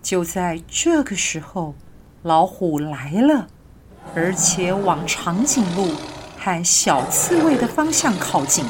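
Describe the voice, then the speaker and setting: Woman telling a children's story, slowly. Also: fairly low pitch, noisy background. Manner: gentle, expressive, unhurried.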